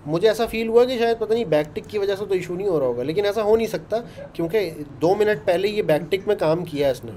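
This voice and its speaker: A man's voice: sits high, fast talker, few pauses, dark tone. Chatty man teaching code. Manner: chatty, explains step by step with frequent "ṭhīk hai". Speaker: programming instructor. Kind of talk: casual coding lesson.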